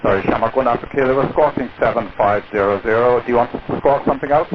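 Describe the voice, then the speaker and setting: Brisk male pilot over aviation radio. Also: medium pitch, dull audio. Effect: radio transmission. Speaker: airline pilot. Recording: faintly noisy aviation radio.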